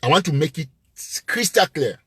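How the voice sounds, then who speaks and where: Husky male host, impassioned and repetitive live address, animated and fairly high-pitched. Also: moderate pace, dry recording, studio quality. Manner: emphatic and repetitive, hammering points with rising force. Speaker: live-show host and political commentator.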